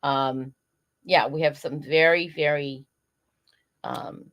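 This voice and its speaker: A woman's voice: sits low, fairly even intonation, slow, a bit bright. A woman who is a guest on a podcast, earnestly advising listeners in casual interview talk. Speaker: guest program director.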